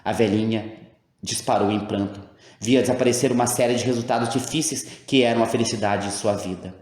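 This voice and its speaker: A man reading a classic novel aloud as an audiobook narrator, in a measured, even manner. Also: lowish voice. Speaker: audiobook reader. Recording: echoey room.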